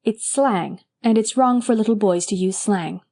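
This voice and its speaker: A woman voicing a gentle, imaginative young schoolteacher who speaks softly. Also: medium pitch, normal speed, close to an everyday voice. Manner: soft, sorrowful.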